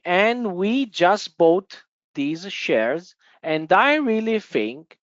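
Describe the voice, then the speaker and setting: The webinar host is a high-pitched man from Italy with an Italian accent, presenting live on stock investing from an office in the Italian part of Switzerland. His delivery to viewers is full of fillers and restarts, and the audio is muffled, with no echo.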